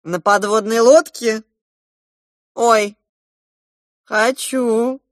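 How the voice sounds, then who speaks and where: A woman's voice: medium pitch, very animated, no echo, clean studio sound, voice pushed up. A woman reading an audiobook and voicing a brash, bossy hotel landlady who scolds and quips. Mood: eager. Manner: bold, quick-tongued, scolding.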